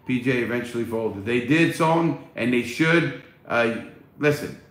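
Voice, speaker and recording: Expressive and fairly bright, this middle-aged man's medium-pitched voice keeps a measured pace as he reads livestream chat and answers bluntly, swearing freely. His phone, held at arm's length in a small room at home, picks up an echoey sound with faint noise.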